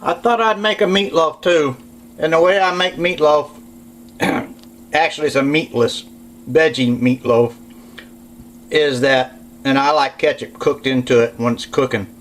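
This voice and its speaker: A man's voice: fairly high pitch, unhurried, long pauses, a bit bright, slight background noise, low-quality recording. A man doing a casual home cooking demonstration in his kitchen, plainspoken and correcting himself as he goes.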